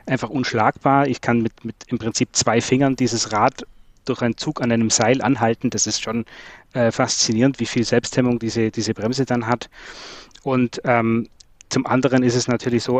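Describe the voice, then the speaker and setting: A man's voice: medium pitch, no echo. German man explaining brake technology. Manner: explanatory, many fillers and repeated words. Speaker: trailer brake expert guest. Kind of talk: technical podcast conversation.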